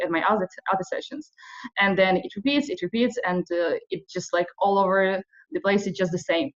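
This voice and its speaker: Hesitant young woman from western Ukraine. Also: lowish voice. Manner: hesitant, many fillers. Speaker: video workshop trainer. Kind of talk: online workshop talk. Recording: slightly dull audio.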